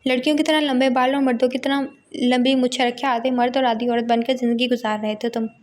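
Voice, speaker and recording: A woman's voice: sits high, level tone, fairly quick, close to an everyday voice. A woman reading the part of a stubborn young female student, indignant and defiant, in a romance novel.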